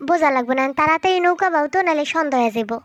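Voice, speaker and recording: A woman voicing a shy but sharp-tongued young village girl in a fan-fiction audio story, in a rural Bangladeshi dialect. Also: high-pitched, animated, lo-fi sound, loud music behind the voice. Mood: impatient. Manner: quick, scolding banter.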